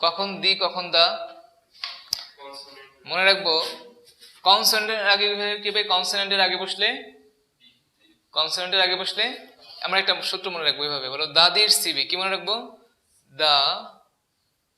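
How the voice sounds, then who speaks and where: A man's voice: sits high, steady tone, a little fast, pauses often, bright, forceful tone. A man teaching an English grammar lesson, asking the class questions and repeating key words. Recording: echoey room.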